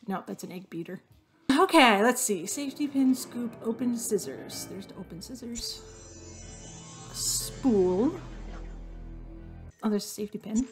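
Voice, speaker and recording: A young adult woman casually commenting while she plays a hidden-object game, thinking aloud and joking at her own expense, her voice slightly hoarse and fading. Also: a little high. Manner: chatty, self-deprecating, thinks aloud while searching. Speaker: gaming video host. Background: faint game music.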